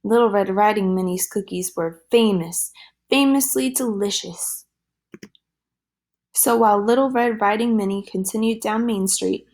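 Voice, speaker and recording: A woman reading a children's storybook aloud in a gentle, lively storytelling manner. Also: mid-range voice.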